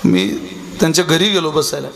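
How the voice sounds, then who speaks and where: A man preaching a kirtan sermon, telling humorous stories between preachy asides and slowly chanted verse. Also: fairly high pitch, big pitch swings, vocal fry, a bit bright. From Vidarbha, Maharashtra.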